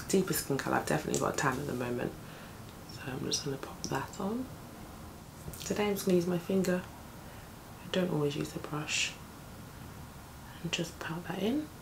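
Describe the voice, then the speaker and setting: Gravelly and deeper than usual from the morning, a thirty-something beauty vlogger chats casually while doing her makeup for a tutorial. A camera on her desk catches her up close in her flat, where an open window lets in the sound of planes and the street.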